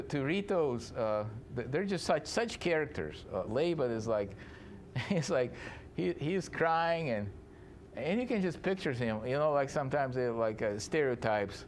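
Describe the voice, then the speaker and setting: Male pastor, class teacher, chatty and animated, faint background hiss. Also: medium pitch. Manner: chatty, laughing, acts out scenes. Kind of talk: casual Bible study teaching. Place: church classroom.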